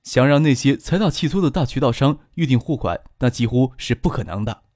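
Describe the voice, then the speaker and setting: A man narrating an audiobook in a steady, unhurried storytelling voice, recorded on a close studio mic. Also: medium pitch, dry recording.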